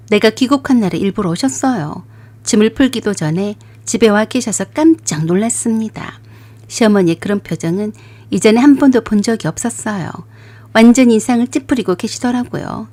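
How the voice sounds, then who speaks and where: Mellow woman narrating a story. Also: medium pitch. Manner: calm, conversational storytelling. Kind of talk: first-person story narration.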